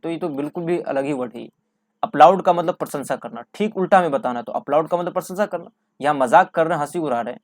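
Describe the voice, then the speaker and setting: A man's voice: fairly high pitch, dry recording, studio quality. Man teaching, quizzing himself. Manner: repetitive, asks and answers his own questions. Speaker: English teacher. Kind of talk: explaining vocabulary for an exam class.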